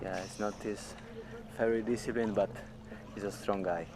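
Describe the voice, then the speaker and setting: A man's voice: lowish voice, fairly even intonation, normal speed, gravelly, darkish tone, a little hiss or hum. A man co-commentating live sport in short remarks.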